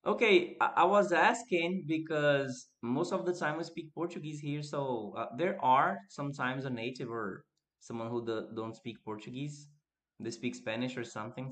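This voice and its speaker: Speaking with a northeastern Brazilian accent, this Recife man runs a casual, interactive live lesson online, reading chat messages aloud and responding. His voice is medium-pitched and a bit bright, and he is chatty, asks questions, and calls viewers by name.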